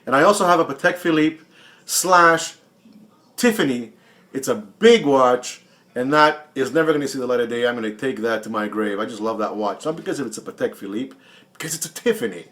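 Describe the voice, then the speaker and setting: Answering another vlogger's questions, a man in his late forties who hosts a YouTube watch channel speaks a little fast in a medium-pitched, animated, fairly bright voice. His style is casual, blunt, taunting and heavily profane, with lots of repetition for emphasis.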